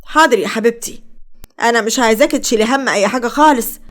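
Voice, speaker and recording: A woman's voice: on the high side, fast, a bit bright, lightly acted. A woman with an Egyptian Arabic accent voicing a greedy, two-faced middle-aged aunt who nags. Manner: nagging, fake-sweet.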